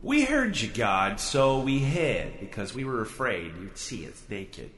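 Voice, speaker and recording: A man's voice: mid-range voice, sing-song, a little slow, a bit bright. A man voicing the first man, sheepish and cowardly, shifting blame to his wife. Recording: echoey with long reverb.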